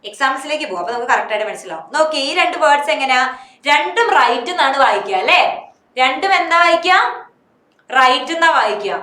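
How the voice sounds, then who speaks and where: High, bright-voiced Malayali woman teacher. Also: lively intonation, quick pace, roomy sound. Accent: Malayali English. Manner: asks questions and answers them herself. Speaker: English teacher. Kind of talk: online class.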